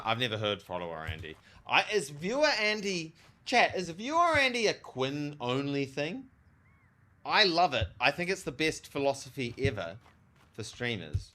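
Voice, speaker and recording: A man livestreaming a game and chatting casually with viewers, speaking with a strong lisp from wearing a retainer in an animated, slangy way. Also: medium pitch. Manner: animated, slangy, talks to chat. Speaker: live streamer, theologian. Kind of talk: casual livestream chat over gameplay.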